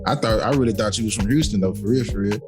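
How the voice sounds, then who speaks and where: A man's voice: on the low side, rapid-fire, over music. A man hosting a casual podcast, easygoing and often repeating "for real, for real.". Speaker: podcast host.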